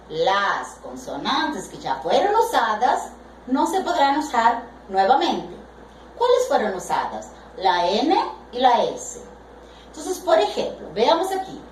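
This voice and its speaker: A woman teaching a grammar lesson, speaking deliberately and stretching out the example words she stresses. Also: fairly high pitch, darkish tone, slight background noise. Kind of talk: slow explanatory Spanish grammar lesson. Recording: echoey room, voice from a distance.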